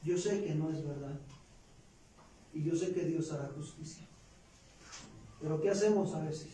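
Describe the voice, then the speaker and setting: A man's voice: fairly high pitch, a little slow, dark tone, a little hiss or hum. A man with a Mexican Spanish accent preaching a sermon, talking conversationally and tossing in rhetorical questions. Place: church. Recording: very echoey church room, voice from far off.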